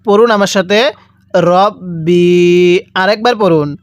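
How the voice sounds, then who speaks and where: Bangladeshi guy teaching quran reading, spells out every syllable slow and keeps going repeat after me, dry close sound. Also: high voice, no echo. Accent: Bangladeshi Bengali. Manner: slow, repetitive drilling with call-and-repeat prompts. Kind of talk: spelling-out recitation lesson.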